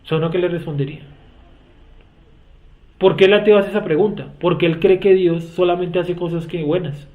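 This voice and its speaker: A man's voice: sits high, steady tone, moderate pace, long pauses. A man teaching a Bible study class, explaining word meanings and often putting questions to his students. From Colombia. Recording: echoey room, tinny phone-like sound.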